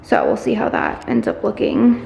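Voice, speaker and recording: A woman's voice: mid-range voice, wildly swooping pitch, normal speed, gravelly, warm tone, faint music behind. A young woman vlogging casually as she shows an empty apartment on a handheld camera, chatty and gushing, full of "like" fillers. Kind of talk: casual vlog narration. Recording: echoey empty rooms, faint background noise.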